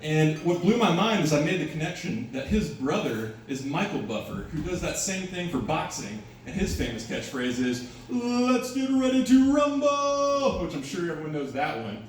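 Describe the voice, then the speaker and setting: A man's voice: a little high, expressive, moderate pace, hardly any pauses. A man performing a conversational stand-up comedy set at an open mic, telling stories and slipping into quoted voices. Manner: conversational storytelling with put-on voices. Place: live open-mic venue with a small audience. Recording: echoey room, distant mic, noisy.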